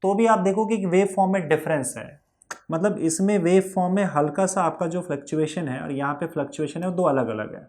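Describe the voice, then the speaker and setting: A man's voice: fairly high pitch, fairly quick, a little mellow. A man teaching a physics lesson in a patient way, repeating key points and asking whether the class has understood.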